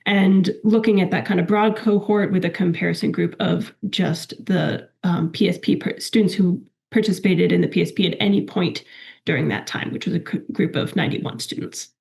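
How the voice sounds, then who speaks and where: In a webinar, a woman walks through evaluation results while getting over a cold, which leaves her low, gravelly, darkish voice a bit crackly. Her tone stays steady and measured despite frequent ums and restarts.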